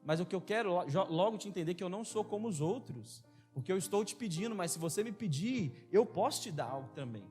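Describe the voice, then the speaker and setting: A preacher speaking as a gentle, humble Jesus, in a softer, lowered voice. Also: male voice, fast, faint music behind. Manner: soft and lowered, calm. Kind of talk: acted quote within a sermon.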